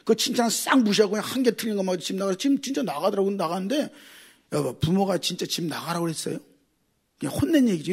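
A middle-aged male pastor preaching with a high, husky voice. He talks with great animation, his pitch leaping around as he jumps from loud exclaiming to hushed asides. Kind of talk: sermon.

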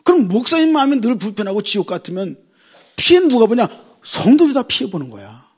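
A middle-aged man preaching a sermon as a pastor, with lots of rhetorical questions and a husky voice. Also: very high voice, big pitch swings, quick pace, darkish tone.

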